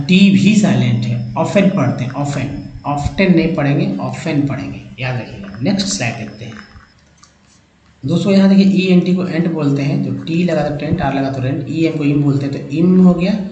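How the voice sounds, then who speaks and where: A man's voice: fairly high pitch, normal speed, dark tone, lo-fi sound, a little hiss or hum. Man drilling English spellings in an echoey room. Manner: spells letter groups then sounds out words, repetitive drilling; addresses viewers as friends, emphatic. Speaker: English reading teacher. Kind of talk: slide-based phonics lesson.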